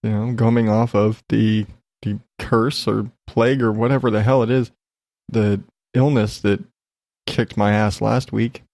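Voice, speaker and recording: In an unhurried, fairly monotone delivery, a man chats on his own podcast, wandering through a frank personal update with plenty of cursing. He's slightly congested while recovering from illness. His lowish, darkish voice carries vocal fry, with no room sound.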